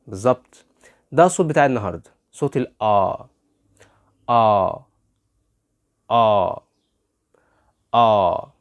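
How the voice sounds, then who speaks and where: Egyptian guy teaching english vowel sounds, repeats every word loud, keeps asking questions. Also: medium pitch. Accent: Egyptian Arabic. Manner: repeats model words loudly, asks rhetorical questions. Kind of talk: phonics lesson.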